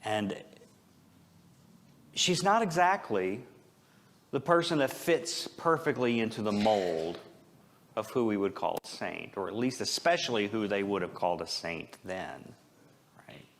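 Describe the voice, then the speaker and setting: Speaking before his church congregation, a man preaches in a relaxed, conversational style, full of self-deprecating jokes and rhetorical questions. His lowish voice is animated yet unhurried, broken by long pauses.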